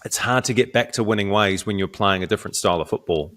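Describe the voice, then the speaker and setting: A man, co-hosting a casual sports podcast, talking in halting runs with frequent restarts. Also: fairly low pitch, a bit bright. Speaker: podcast co-host.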